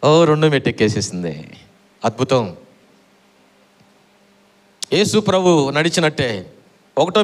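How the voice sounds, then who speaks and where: Male preacher, middle-aged; high, lively sermon delivery that repeats lines and calls on listeners to respond. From Andhra Pradesh, India. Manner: animated, repeats phrases, quizzes the congregation for answers.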